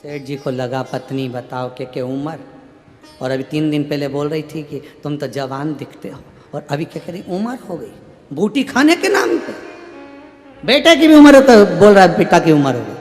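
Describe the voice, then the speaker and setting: A man's voice: a little high, normal speed. A man preaching a sermon, telling a story and acting out its characters in short bits of dialogue. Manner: animated, acts out characters in dialogue. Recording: echoey hall with faint music.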